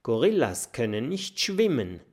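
A man voicing a clever, cautious young girl who talks in a hushed, knowing way, in a storybook reading. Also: mid-range voice, sing-song, measured pace. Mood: explaining.

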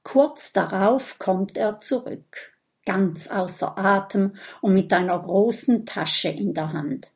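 A woman narrating a children's story calmly and clearly as an audiobook reader. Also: medium pitch, slow.

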